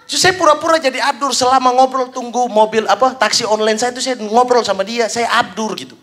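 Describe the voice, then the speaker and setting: A young man doing stand-up comedy, telling stories with animated acted-out voices. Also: fast. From Papua, Indonesia. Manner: animated storytelling, acts out high shouted voices of fans. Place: stage before a live audience.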